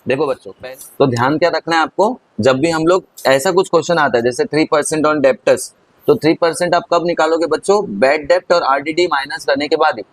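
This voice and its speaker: Quick-talking man teaching a lesson. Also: on the high side, dry recording, low-quality recording. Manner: chatty, addresses students as kids. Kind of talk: accountancy lesson. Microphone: recorded over on-screen writing.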